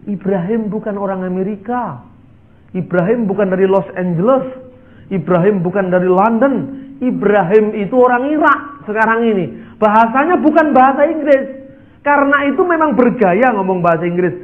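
A man preaching a sermon, animated, swinging between loud and quiet and mimicking other voices. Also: high voice, normal speed. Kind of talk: sermon with acted dialogue. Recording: tinny phone-like sound.

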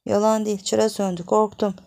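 A woman voicing a frightened young village wife who pleads in a hushed, frantic way. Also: mid-range voice, level tone, a little fast, creaky, voice pushed up, close to an everyday voice. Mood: pleading.

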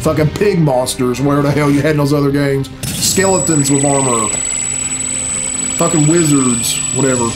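With video game cutscene music behind him, a reaction video host in his thirties delivers sardonic, profanity-laced commentary from a small bedroom. His voice is on the high side and moves at normal speed.

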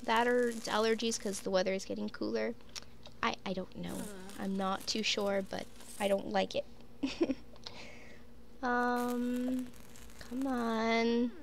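Sniffling from a cold, this young gaming YouTuber slowly narrates her life-sim game and chats to her characters, pausing often and saying "like" and "um" frequently. Her voice is a little high, gravelly and steady in tone. Slight background noise is present in this casual let's play commentary.

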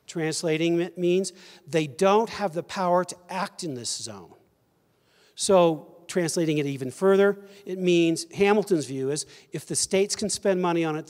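A man in his sixties giving a plain-spoken lecture on stage to a live audience, answering his own questions. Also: on the high side. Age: 60s. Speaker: conference speaker. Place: large church stage with an audience. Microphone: handheld mic. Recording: long reverb of a large hall.

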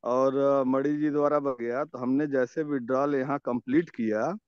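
A man's voice: mid-range voice, steady tone, moderate pace, clean tone, no room sound. A man calling in on a phone line that keeps cutting out, speaking hesitantly as he searches for words. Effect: choppy, cutting-out phone audio. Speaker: caller sharing a customer experience. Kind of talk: casual phone-in chat on an online meeting. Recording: dull, dry phone line.

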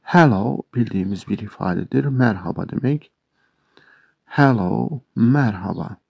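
A man teaching English sentences, explaining each one and repeating the examples slowly. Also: fairly low pitch, gravelly, husky, dry recording, lo-fi sound. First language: Turkish. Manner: explains sentences line by line, addresses viewers as friends. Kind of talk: language lesson.

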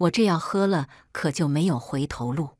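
Brief: a woman voicing a calm old doctor, measured and fatherly, lowish voice, dry read. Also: no room sound. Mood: cautioning. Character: old male physician, calm and kindly.

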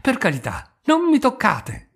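A man putting on a terrified young bride who cries out in high, pleading bursts, her voice husky and strained. She sounds breathless and frantic throughout, as if read from a storybook. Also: huge pitch swings, unhurried, a bit bright, heavily acted. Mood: frightened.

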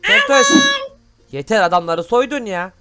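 A man hosting excited gameplay commentary, full of loud exclamations. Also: very high-pitched, fairly quick, soft background music. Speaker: gaming host.

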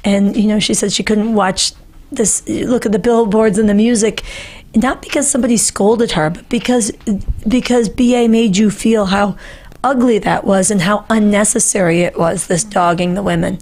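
Speaking close into a boom-arm podcast microphone in a small indoor studio lined with books, a middle-aged woman hosts a political panel show. Her voice is medium in pitch and somewhat dark, with a steady tone at a normal speed. She offers impassioned commentary full of earnest conviction, leaning on repeated phrases for emphasis.

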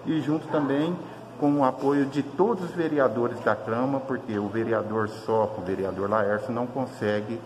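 A man's voice: medium pitch, moderate pace. A middle-aged man, a city councillor, answering interview questions with many hesitations, in an office. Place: indoor office with flags. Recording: noisy room.

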